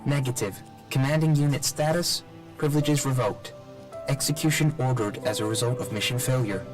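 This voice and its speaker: A broken-down combat robot from a video game, his voice run through a cold metallic filter. He delivers flat, clipped status readouts at a middling pitch, stalling on system errors, with loud game music running behind him. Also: a little fast. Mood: malfunctioning, clipped. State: malfunctioning, repeating system errors. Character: damaged male combat robot companion, cold and mechanical.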